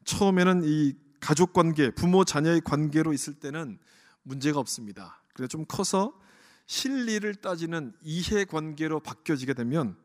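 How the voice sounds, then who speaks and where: A man's voice: fairly high pitch, animated, normal speed. A pastor preaching an earnest sermon to his congregation in a church, often asking them questions. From Korea. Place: church sanctuary. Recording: long church hall reverb.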